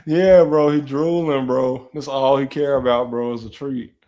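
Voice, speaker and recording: A young man in his twenties, hosting a casual live stream, talking slangy and relaxed while answering chat and talking to his dog. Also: medium pitch. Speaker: livestream host.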